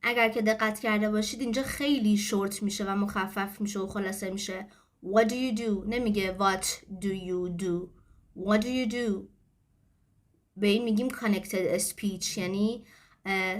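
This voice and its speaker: Woman English teacher explaining grammar. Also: mid-range voice. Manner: patient, explanatory, switching between languages.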